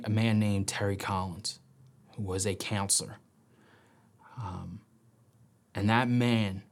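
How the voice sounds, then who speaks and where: A man speaking in an interview, telling his own story candidly. He sometimes drops to a near whisper and acts out quoted voices with animation. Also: on the low side. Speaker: interview guest. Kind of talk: personal storytelling.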